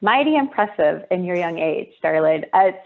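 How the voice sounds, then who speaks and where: A woman's voice: on the low side, lively intonation, normal speed, vocal fry. A woman hosting an online interview over a video call, speaking in an effusive, complimentary way. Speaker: host. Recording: phone-like narrow sound.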